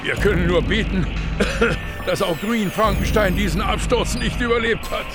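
An actor playing an earnest, worried scientist in command, explaining tensely in a German radio play over loud music. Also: male voice, sits high, moderate pace. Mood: alarmed. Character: earnest, anxious male scientist commanding a giant cyborg.

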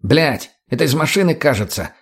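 A man voicing a hot-headed, foul-mouthed male junkie who turns shrill when agitated. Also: animated, moderate pace, slightly rough. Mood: alarmed.

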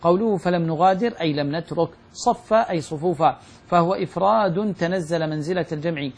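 Fast-reading man with a gravelly voice. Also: fairly high pitch. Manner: quick steady reading, slowing to quote verses. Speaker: student reading the text aloud. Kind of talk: reading a classical commentary aloud.

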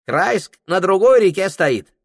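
A high, clipped old hunter. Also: male voice, sing-song, slow, no echo, clean studio sound, full character voice. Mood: stubborn, warning. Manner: broken grammar, clipped exclamations. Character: elderly Tungus hunter man, stubborn, fearful.

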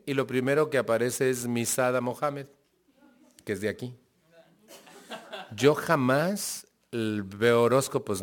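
A man with a Mexican accent giving a conversational personal testimony to a recovery group, laughing often and checking in with his listeners. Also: medium pitch. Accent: Mexican Spanish.

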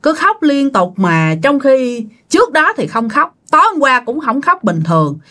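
A woman's voice: high-pitched, big pitch swings, normal speed, pushed and bright. A woman with a Southern Vietnamese accent telling a ghost story casually, talking straight to her listeners. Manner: chatty, addressing listeners directly.

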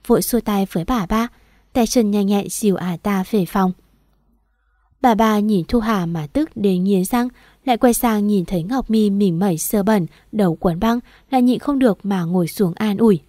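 A woman narrates a story in a steady, measured reading. Her tone is dark and mellow, and the sound is dry and close to the mic. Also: mid-range voice, dry recording.

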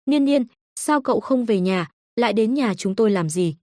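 A sweet, earnest little boy with a tearful way of speaking, read by a woman narrator. The voice is a bit high and the sound is dry. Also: lively intonation, moderate pace, mellow, no room sound, close to an everyday voice. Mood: puzzled. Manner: earnest, sobbing.

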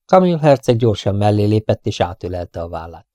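Calm male audiobook narrator, lowish voice. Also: dry recording, clean studio sound.

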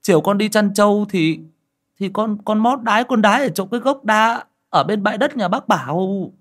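A man's voice: high-pitched, lively intonation, moderate pace, voice pushed up. A man voicing a frightened village boy who stammers and talks timidly in a horror audiobook.

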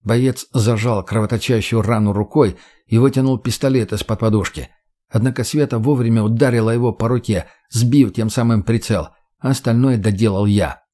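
A man's voice: medium pitch, normal speed, mellow. Man narrating an action audiobook. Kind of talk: first-person fiction narration.

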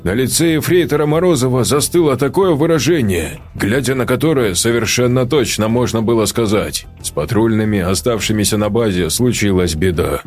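A man narrating a story aloud in a steady, measured reading. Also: medium pitch, soft background music. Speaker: audiobook narrator. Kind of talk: scripted narration.

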